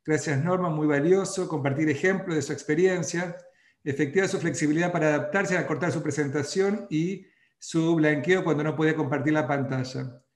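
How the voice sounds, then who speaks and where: A man's voice: on the high side, a little fast, echoey room. A man hosting an online webinar on a video call, reading out feedback and then explaining a point. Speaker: webinar host.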